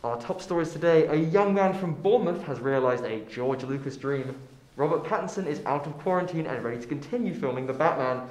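A man acts as an awkward young news anchor in a spoof TV bulletin. His voice sits slightly high and he corrects and stumbles in a halting way. The room sounds echoey. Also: expressive, darkish tone, close to an everyday voice. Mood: matter-of-fact.

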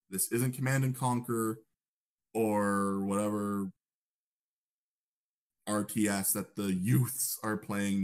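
With a somewhat low, slightly mellow voice, this young man lectures in a relaxed, conversational way, frequently asking "right?". At times he raises his voice to act out cheerful greetings.

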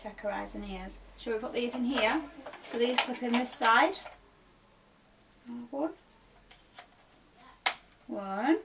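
A young woman in a bedroom, gently asking a small child questions while unboxing a toy. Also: fairly high pitch, takes it slowly, pauses often. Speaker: vlogger and mother. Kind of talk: casual toy unboxing chat. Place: bedroom, sitting on a bed. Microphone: camera mic from a few feet away. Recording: distant camera mic, clear background noise.

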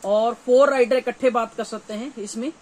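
This clip features a very high, darkish male voice with fairly even intonation and a normal pace. The speaker, a thirtysomething dealer with a North Indian accent, gives a casual, repetitive sales pitch to camera in a small, cluttered indoor gear shop, where faint shop sounds can be heard.

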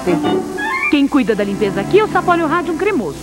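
A sceptical Brazilian woman cleaner in a TV commercial. Her voice is very high and swoops widely, with loud music behind. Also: wildly swooping pitch, fast talker. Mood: brisk, instructing. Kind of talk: TV commercial acting.

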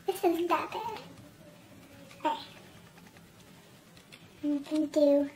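Squeaky chipmunk-voiced vlogger, helium high. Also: extremely slow, warm tone, slight background noise. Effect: chipmunk pitch-up filter. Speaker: beauty vlogger. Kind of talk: casual chat while doing a makeup challenge.

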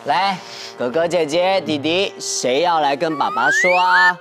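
A young man playing a gentle, patient father in a children's TV sitcom, speaking in a soothing, deliberate way. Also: a little high, loud music behind the voice, lightly acted. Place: TV studio set.

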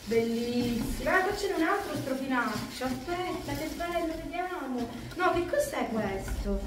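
A woman's voice: sits high, expressive, unhurried. A woman vlogging casually at home as she opens Christmas gifts, gushing over each one. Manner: effusive, exclaiming over each gift. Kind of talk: casual vlog chat. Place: home room. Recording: echoey room from far off, loud noise.

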